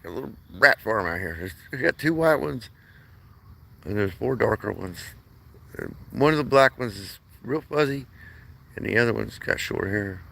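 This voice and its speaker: A man's voice: on the low side, lively intonation, normal speed, vocal fry, pushed and bright. A man live streaming from his phone outdoors at night, chatting to viewers in a rambling way and laughing often.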